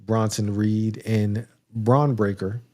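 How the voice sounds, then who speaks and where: Mellow-voiced man recapping wrestling casually. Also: fairly low pitch, little pitch movement, slow pace. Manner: rambling, laughing recap with restarts. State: has the hiccups. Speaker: podcast co-host.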